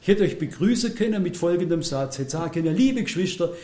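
Guy preaching, pretty high voice, blunt and self-mocking, loud one line then quiet, echoey hall. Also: lively intonation, fast. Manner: blunt, self-mocking, shifts between loud emphatic lines and quiet asides. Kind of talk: sermon.

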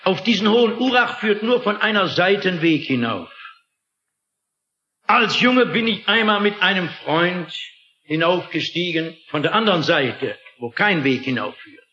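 A man's voice: high voice, animated, unhurried, bright, forceful tone. A man preaching a sermon in an emphatic, dramatic manner, often asking the listeners rhetorical questions. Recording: echoey, dull lo-fi recording.

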